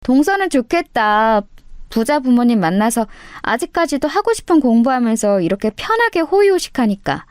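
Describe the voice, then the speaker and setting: A woman's voice: fairly high pitch, big pitch swings, normal speed, darkish tone, clean tone, dry recording, studio quality. A woman voicing a snobbish, mocking middle-aged sister-in-law with a sarcastic way of talking. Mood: sneering. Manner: sneering, sarcastic.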